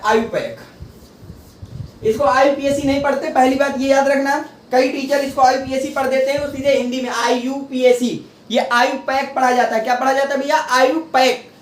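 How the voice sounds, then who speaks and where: A man's voice: very high-pitched, slight background noise. A male chemistry teacher giving a classroom lecture, asking rhetorical questions and answering them himself, repeating key terms. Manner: rhetorical call-and-response questions. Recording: echoey room, voice from a distance.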